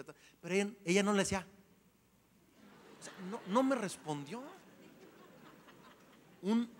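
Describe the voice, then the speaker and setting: Male pastor, high bright voice, lively playful sermon, long hall reverb. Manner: animated, playful preaching with acted-out voices.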